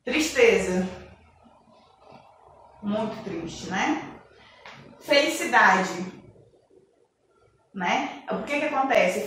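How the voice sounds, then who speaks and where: A woman teaching a class, pitched a little high, recorded from a distance in a strongly echoing room with faint background noise. She explains patiently and keeps checking in with her students through quick rhetorical questions. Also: a bit bright. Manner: explanatory, asks rhetorical questions and answers them; names signs one by one while demonstrating. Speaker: sign language teacher. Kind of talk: online class lesson.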